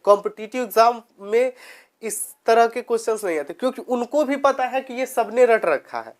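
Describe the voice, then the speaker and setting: A man teaching a grammar lesson for exam preparation. He asks rhetorical questions and answers them himself, and he reads example sentences slowly. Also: sits high.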